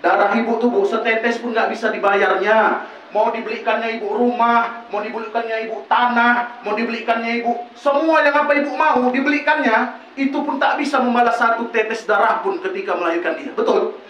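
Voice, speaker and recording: A preacher giving a lively village sermon in a prayer house, asking rhetorical questions and answering them himself. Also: male voice, very high voice, a little fast, a little hiss or hum. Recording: very echoey room, distant mic, dull.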